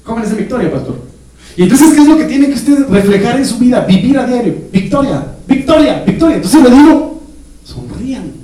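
A male pastor, preaching a sermon in a joking, animated way with laughter and sudden shouts, recorded in a church. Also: very high voice, brisk. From Guatemala. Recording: echoey church hall, mic at a distance.

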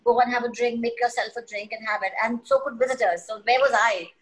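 A woman interviewed on a podcast alongside her husband, chiming in with teasing, quick-witted remarks. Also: a little high, steady tone, rough recording. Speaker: guest. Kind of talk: casual interview chat.

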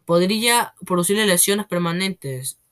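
A reader voicing a gentle young woman teacher in a read-aloud storybook, pleading softly. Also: medium pitch, lively intonation, a little slow. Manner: pleading, soft-spoken.

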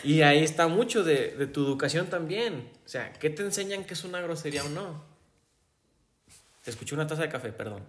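A man with a Jalisco Mexican accent, his voice sitting a little high for a man. He spins animated anecdotes in a relaxed conversation. He slips into the voices of the people he is quoting and laughs along the way. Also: a little fast, a little hiss or hum. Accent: Mexican Spanish, Jalisco. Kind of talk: casual conversation, storytelling.

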